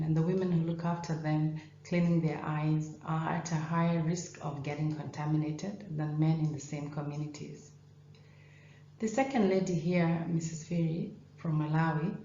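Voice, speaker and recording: Woman from Kenya, low voice, non-native English, measured lecture; echoey, slightly dull recording. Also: fairly even intonation, mellow, slight background noise. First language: not English. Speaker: professor of ophthalmology. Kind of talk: conference presentation.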